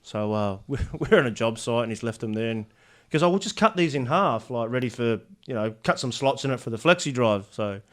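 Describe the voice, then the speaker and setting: A man's voice: mid-range voice, animated, a little fast, fairly bright tone. A middle-aged man with an Australian accent, a podcast guest spinning rambling yarns in casual chat, laughing often and restarting his sentences.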